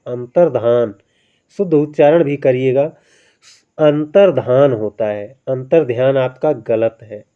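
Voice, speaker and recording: A man's voice: medium pitch, unhurried, clear, resonant tone. A man teaching Hindi spelling in an exam-prep lesson, coaxing and repetitive, often ending phrases with tag questions. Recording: dull lo-fi sound.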